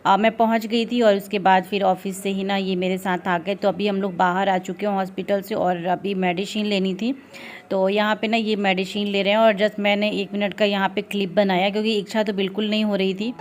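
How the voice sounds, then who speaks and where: A woman's voice: mid-range voice, flat delivery, fairly quick. Tired Indian woman vlogging. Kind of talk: casual vlog narration.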